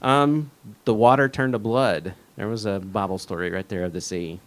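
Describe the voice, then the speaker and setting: Hesitant man, low voice. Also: moderate pace. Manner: hesitant, many fillers and restarts. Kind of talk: casual interview chat.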